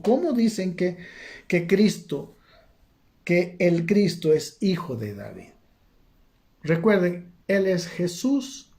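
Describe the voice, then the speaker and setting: A man's voice: fairly high pitch, mellow. Man preaching a Bible study, conversational. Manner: conversational, asks "¿no?" again and again, many restarts.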